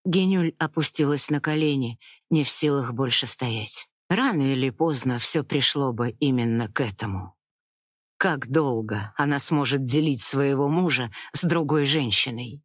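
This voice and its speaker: A narrator reading a dramatic novel chapter in a slow, emotive style. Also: medium pitch, no room sound, studio quality. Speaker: audiobook narrator.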